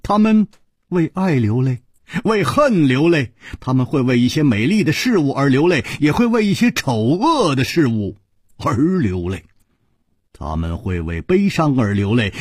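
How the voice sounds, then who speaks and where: A man narrating a martial-arts novel in slow, dramatic storytelling style. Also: medium pitch, a little mellow, breathy edge, no echo, clean studio sound. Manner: slow, wide-ranging dramatic delivery.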